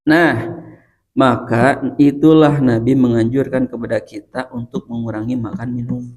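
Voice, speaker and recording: A man's voice: mid-range voice, steady tone, normal speed, a little mellow. A male preacher with a Sundanese accent giving a chatty religious study talk, laughing often and addressing his listeners directly.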